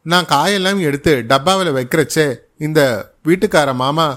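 A man voicing a tearful young wife who haltingly pleads her innocence in a story reading. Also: a little high, a bit bright, natural voice. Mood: pleading.

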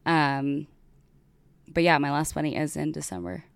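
A woman's voice: sits low, fairly even intonation, moderate pace, vocal fry, no echo. A young woman co-hosting a podcast in casual chat, chatty and full of fillers. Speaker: podcast co-host.

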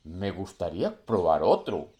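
A man voicing a greedy, envious male puma who speaks low and soft in a storybook tale. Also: wildly swooping pitch, measured pace, exaggerated voice.

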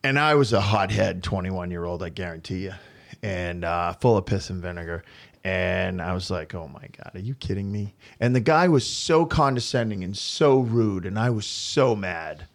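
A man in his fifties hosting a podcast, telling work stories from his flooring business in a blunt, animated way. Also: low voice, normal speed, gravelly. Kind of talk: casual storytelling podcast.

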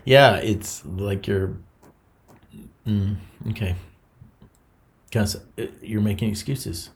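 A man co-hosting a casual podcast, chiming in with relaxed, brief remarks. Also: on the low side, takes it slowly.

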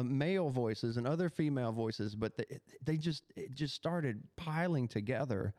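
A man hosting a podcast, telling a personal spiritual experience in an animated, halting way with many restarts. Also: on the high side, no echo, clean studio sound. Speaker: podcast host.

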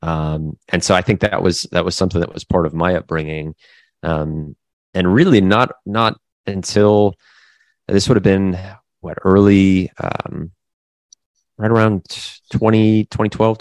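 A man from the American Midwest, talking casually as an interview guest, halting with many fillers and restarts. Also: low-pitched, steady tone, darkish tone, dry recording. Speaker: guest business owner.

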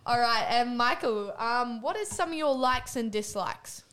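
Woman, podcast host, encouraging and upbeat, slightly high voice. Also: animated, measured pace, a bit bright, smooth. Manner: encouraging, upbeat questioning with frequent laughs. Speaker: podcast host interviewing guests. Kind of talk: casual podcast interview.

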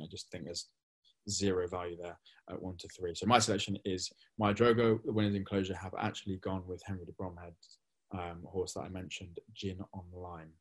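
Young man, lowish voice, relaxed podcast co-host, thinks aloud, frequent ums. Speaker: racing tipster co-host. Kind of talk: casual podcast chat.

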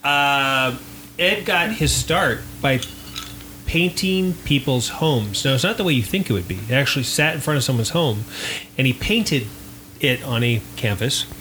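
A man's voice: mid-range voice, animated, unhurried, sharp tone, slight background noise, low-quality recording. A man hosting a casual group podcast, chatty and joking, often laughing as he explains things. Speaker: podcast host.

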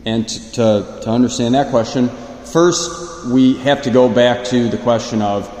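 A man, a priest, reading the Gospel and preaching a homily in a large church, speaking slowly and measuredly with loose fillers as he preaches, his voice carried on a long church echo. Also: medium pitch, darkish tone. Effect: echoing church reverb. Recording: roomy hall with long reverb.

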